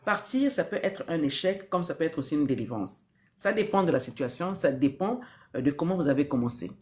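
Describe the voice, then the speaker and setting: On a live stream, an earnest woman offers spiritual advice, repeating key phrases and posing rhetorical questions. Her deep voice is a little mellow, brisk and lively in intonation.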